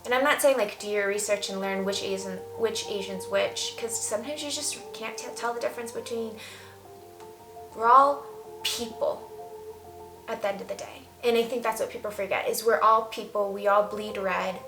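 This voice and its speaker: A woman gives strong, candid opinions in a casual vlog to camera, speaking at medium pitch with fairly even intonation and a normal pace. Soft music plays faintly in the background of a roomy, echoing space.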